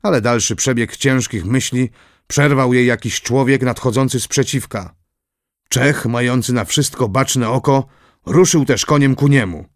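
Male audiobook narrator, measured and solemn, mid pitch, dry close recording. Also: no room sound. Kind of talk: scripted narration of a historical novel.

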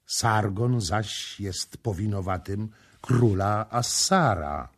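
A man's voice: lowish voice, slow, voice pushed up. A man reading the part of a young priestess in an audiobook, tearful and pleading.

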